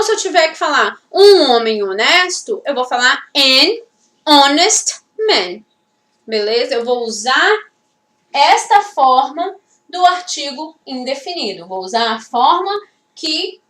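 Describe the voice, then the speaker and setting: A woman from Brazil teaches English grammar, explaining each rule step by step and checking in with her students. Her voice is high and bright. She sounds a little far from the mic in an echoey room. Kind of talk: classroom-style grammar lesson.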